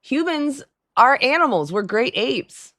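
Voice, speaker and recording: This raspy-voiced woman runs a relaxed livestream call-in, laughing frequently and bantering with her chat. Her hoarse voice sits high and sing-song, fairly bright, at a measured pace.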